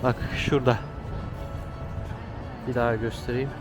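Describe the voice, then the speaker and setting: A man with a medium-pitched, flat voice speaks at a measured pace over music. He's a travel vlogger explaining things to a companion in a casual, conversational on-location chat, walking noisy outdoor city streets full of traffic.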